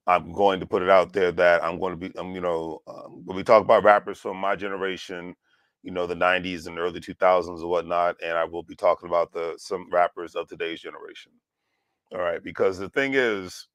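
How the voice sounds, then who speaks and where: Vlog host, man around forty, very low voice, dry close recording, sarcastic and rambling. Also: no echo. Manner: rambling, sarcastic, restarts sentences often. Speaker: channel host. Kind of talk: casual vlog commentary.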